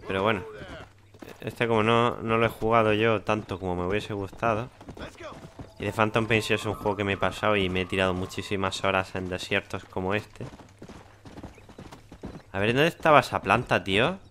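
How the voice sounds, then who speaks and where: Laid-back Spanish gamer with a bright tone. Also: male voice, lowish voice, moderate pace, pauses often, a little hiss or hum. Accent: Spanish from Spain. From Spain. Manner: chatty, laid-back, thinks aloud. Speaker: gameplay commentator. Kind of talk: casual gameplay commentary.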